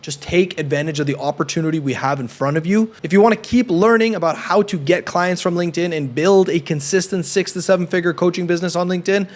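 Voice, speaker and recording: A man in his thirties from Canada giving an emphatic, persuasive coaching talk to camera. He keeps checking in with a quick "right?". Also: high voice. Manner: emphatic and persuasive, often adds a questioning "right?". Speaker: YouTube business coach.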